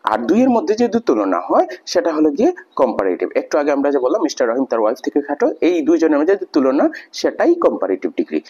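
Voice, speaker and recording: A man's voice: fairly high pitch, wildly swooping pitch, fast talker, few pauses, darkish tone, breathy edge, highs cut off. A man teaching an English grammar lesson, explaining patiently step by step with many examples.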